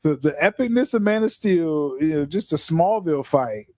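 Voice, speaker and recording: Male co-host, high and very lively voice, excitable and laughing, dry close sound. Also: normal speed, no echo. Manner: animated, excitable, laughs often. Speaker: podcast co-host. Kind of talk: casual chat.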